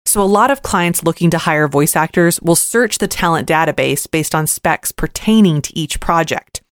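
A woman's voice: low-pitched, moderate pace, no echo. Upbeat woman podcaster, dry close sound. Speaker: podcast host and voice actor. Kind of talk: scripted advice podcast narration.

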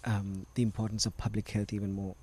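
A man's voice: lowish voice, little pitch movement, a little fast, mellow, husky. A middle-aged man from Sri Lanka, a doctor patiently explaining medical matters as a guest on a podcast interview.

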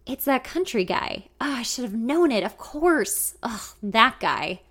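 Blunt, teasing young male friend, read by a woman narrator, higher than usual for a man. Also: big pitch swings, unhurried, a bit bright, full character voice. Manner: blunt, teasing, then apologetic. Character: cynical protective young man, close friend.

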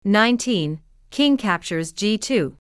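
A woman's voice: medium pitch, lively intonation, slow, clear, resonant tone, no echo, clean studio sound. A woman reading out chess notation from a script in clipped announcements, move by move. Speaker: reader of chess moves.

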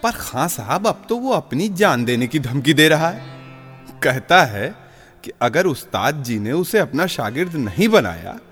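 An actor playing a genial nawab and music patron in a radio drama, courtly and cajoling. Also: male voice, on the high side, big pitch swings, measured pace, fairly bright tone, in a large hall. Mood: persuasive. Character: genial middle-aged male Nawab of Rampur, patron.

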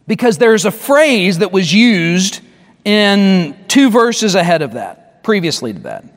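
A man with a high-pitched voice delivers a sermon from the pulpit. He is emphatic, repeats and restarts his phrases, and slows right down to stress key words. His voice rings with the long reverb of a large church hall. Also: big pitch swings. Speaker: pastor.

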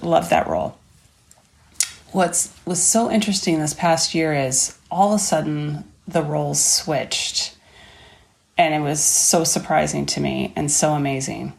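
Low-voiced gravelly woman telling a story. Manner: earnest, heartfelt, warmly reflective. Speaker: horse rider telling a personal story. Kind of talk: personal storytelling.

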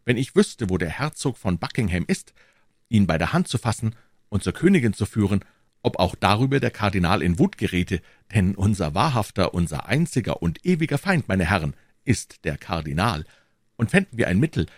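A man's voice: fairly low pitch, sing-song, moderate pace, dry recording, clean studio sound. A man voicing an ardent, bold young Gascon swordsman, speaking earnestly and with passion. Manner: earnest, impassioned.

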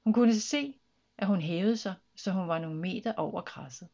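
A woman reads a children's story aloud in a lively, expressive way. Her voice sits at a middle pitch. The recording sounds dull and lo-fi.

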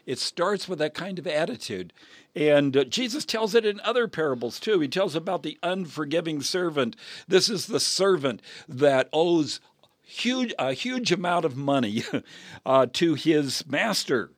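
A man's voice: on the high side, lively intonation, unhurried, no room sound. Earnest preaching man on dry radio. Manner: earnest preaching with frequent laughs. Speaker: pastor and radio co-host. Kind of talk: radio Bible teaching talk.

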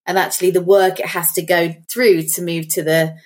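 A woman's voice: lowish voice, level tone, moderate pace. A middle-aged woman, chatting on a podcast and telling stories while thinking aloud. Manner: reflective, storytelling, thinks aloud. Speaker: podcast co-host. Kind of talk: casual chat.

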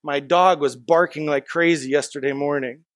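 A male pastor with a high voice gives a conversational sermon to his congregation. He talks in a folksy way, full of stories and casual asides. The sound is dry and close. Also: fairly even intonation, moderate pace, no room sound. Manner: chatty, folksy storytelling with asides.

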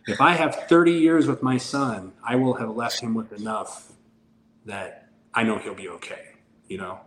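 At a moderate pace, a man in his forties speaks in a mid-range, fairly bright voice. He's a candid podcast guest in a relaxed interview, acting out the dialogue of his story, with roomy sound and faint noise behind him.

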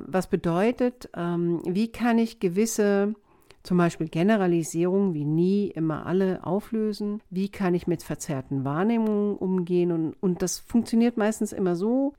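A woman speaking as a communication coach in a podcast monologue. She explains things calmly and often adds the tag question "ne?". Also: lowish voice.

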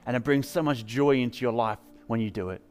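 A man's voice: mid-range voice, fairly quick, a little mellow. A man with an English accent preaching a sermon in a church, telling stories in an upbeat, conversational way. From England. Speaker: pastor. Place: church service.

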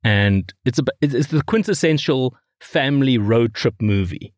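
A middle-aged man, telling stories in a rambling, animated way as a podcast co-host. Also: mid-range voice, normal speed, dry recording, studio quality. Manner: animated storyteller, rambling with restarts. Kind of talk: casual chat.

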